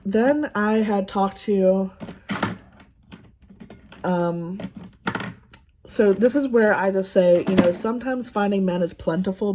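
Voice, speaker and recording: A beauty vlogger in her thirties does her makeup during a casual get-ready-with-me chat, rambling through sarcastic, exasperated dating stories full of ums. Her voice is medium-pitched with a dark tone.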